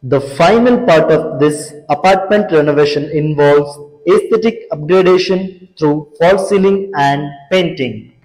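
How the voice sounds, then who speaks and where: A young man, a renovation company founder, walks through an empty apartment explaining planned changes in a measured, presenting way, on a lapel mic. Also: on the high side, a little mellow. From India. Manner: measured, explanatory, pointing out features. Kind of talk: scripted walkthrough presentation. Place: large empty apartment rooms, indoors. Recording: echoey empty rooms with background music.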